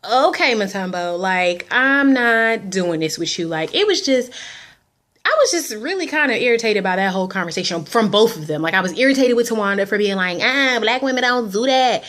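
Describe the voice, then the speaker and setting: A young woman vents about a show in a casual video rant, her voice sitting at an ordinary middle pitch. She is sassy and animated, and she acts out the quotes as she tells them. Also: fairly quick. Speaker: vlogger.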